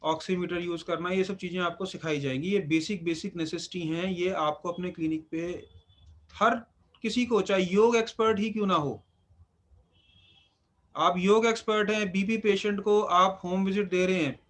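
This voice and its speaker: A man's voice: high voice, steady tone, normal speed, a bit bright. A man teaching an acupuncture class, instructive and repeating phrases for emphasis. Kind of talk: live class lecture.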